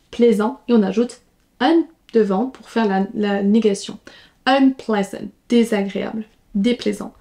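Woman, English teacher, mellow tone, models example sentences slowly. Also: mid-range voice. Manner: slow, careful model sentences. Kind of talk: language lesson.

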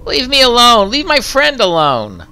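A man voicing a frightened, pleading little girl in a game let's-play, high and shrill as if close to tears. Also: wildly swooping pitch, unhurried, bright, forceful tone, a little hiss or hum, full character voice.

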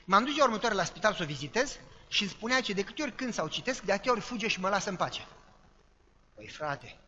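A male preacher tells a sermon story and acts out what people said and the noises they made. His voice sits high and sounds bright. The recording is dull, and a long hall reverb trails after his words. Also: very animated. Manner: dramatic storyteller acting out quoted voices and sound effects.

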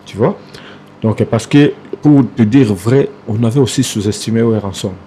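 Guy, mellow low voice, gets worked up n repeats himself, slight noise behind. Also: normal speed. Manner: animated, repeats himself, trails off. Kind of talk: casual interview talk.

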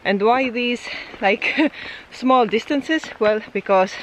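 A woman's voice: a little high, slow, a little hiss or hum. A woman recording a casual hiking vlog outdoors on a mountain trail, chatty and easygoing, often laughing between remarks. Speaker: hiking vlogger. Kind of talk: casual vlog chat to camera.

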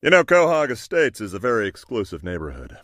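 An actor playing a burly, suspicious policeman in an animated sitcom, stern and condescending. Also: on the low side, fairly quick, no room sound, studio quality.

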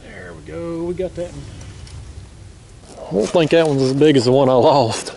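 Fishing off a riverbank at night, a young man with a Southern American accent gives casual outdoor commentary for his vlog, addressing viewers as "y'all" and chuckling a lot in a folksy way. His voice sits on the high side, creaky yet mellow, at normal speed. An action camera on the bank catches him with slight background noise.

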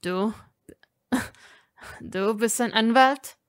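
A woman reading a fan audiobook, voicing a hot-tempered young wizard auror who snaps loudly. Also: a little high, drawn-out words, clear, resonant tone. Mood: angry. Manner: loud, angry, snapping.

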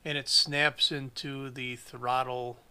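Working on a chainsaw at his bench, this small engine repair mechanic in his forties narrates in a plain-spoken way, cracking dry jokes and thinking out loud. He has a mid-range, smooth voice that is bright and forceful, delivered flatly at a slow pace.

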